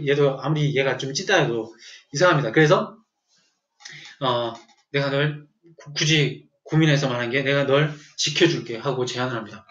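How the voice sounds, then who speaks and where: A man with a medium-pitched, fairly bright voice gives a classroom lecture on English vocabulary, recorded in an echoey room with dull lo-fi sound. He tells a joking story and quizzes his students along the way.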